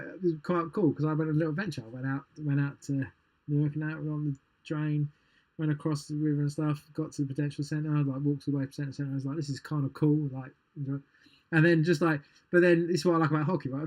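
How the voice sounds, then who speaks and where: A man's voice: on the high side, darkish tone. Chatty man, casual hockey talk. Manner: rambling, chatty, laughs easily. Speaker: podcast co-host. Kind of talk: casual chat.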